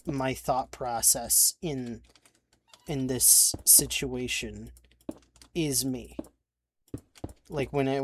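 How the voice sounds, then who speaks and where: A young man with a mid-range, slightly mellow voice provides let's-play game commentary. He rambles, sounds frustrated, curses, and restarts his sentences. In the background are faint keyboard clicks and slight noise.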